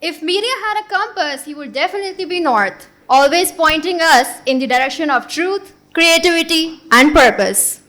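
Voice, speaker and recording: Young woman, Pakistani accent, high pitch, ceremony co-host, scripted presenting. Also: animated, normal speed, few pauses, a bit bright. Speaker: event co-host.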